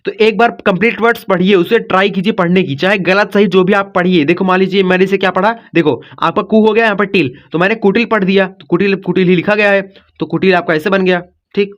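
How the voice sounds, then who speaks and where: A man's voice: high-pitched, fairly even intonation, fast talker, highs cut off. A man from India teaching a step-by-step spelling lesson. He talks in a repetitive, coaxing way, checking in after nearly every line. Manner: repetitive, coaxing, says "ठीक" and "बच्चों" often.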